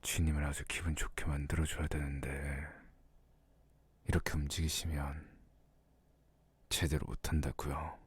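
A man playing a devoted, obedient, teasing young servant lover in an ASMR role-play, speaking in an intimate, deferential murmur with a husky low voice. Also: level tone, normal speed, pauses often, no echo, heavily acted.

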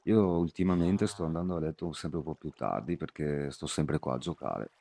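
A man's voice: extremely low pitch, moderate pace, vocal fry, warm tone. A young man chatting casually to his viewers while streaming a game, rambling through personal anecdotes. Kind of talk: casual live-stream chat while gaming.

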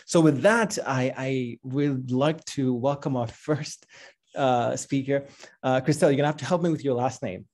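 A man in his forties introduces a guest over a video call, his voice dark and mellow. He talks in a friendly, halting way, often starting phrases over. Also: medium pitch. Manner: warm, halting, with restarts and laughs. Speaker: host. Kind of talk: casual spoken introduction. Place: home room with bookshelves.

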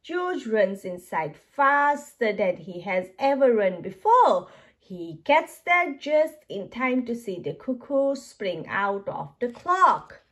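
Woman, children's storybook reader, slow, expressive, lively pitch. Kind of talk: children's storybook read-aloud.

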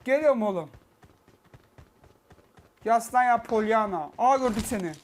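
A man giving excitable, swearing live gameplay commentary on a cheap microphone. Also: very high voice, unhurried, a little hiss or hum. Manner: excitable, shouting, swearing, repeating himself. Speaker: gameplay streamer. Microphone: cheap poor-quality microphone. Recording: loud gunfire over a cheap mic. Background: loud game gunfire and clicks.

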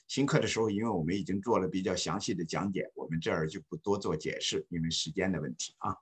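A man teaching an online English class, speaking slowly and patiently and repeating phrases for students to follow. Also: deep voice, a bit bright, husky. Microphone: video call.

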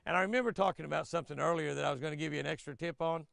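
Older man with a drawl, folksy and chatty devotional host, slightly high, gravelly voice. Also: rapid-fire, no room sound, studio quality. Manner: folksy, chatty, lively, laughs often. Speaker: devotional host and fishing guide. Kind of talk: folksy daily devotional reading. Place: outdoors by a flowering tree.

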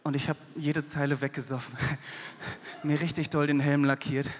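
A man performing a rhymed poetry slam on a concert hall stage, dramatic, swinging from hushed to loud. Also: a little high, little pitch movement, moderate pace, a little hiss or hum. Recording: long concert-hall reverb.

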